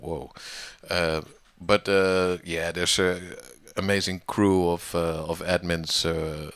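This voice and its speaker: A man with a very low voice talks casually in an interview, stopping often on fillers and restarting his sentences. The sound is dry and close, with no room around it. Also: flat delivery, slow, a bit bright, clear, resonant tone, no echo. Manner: hesitant, many fillers and restarts. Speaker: online music community organizer.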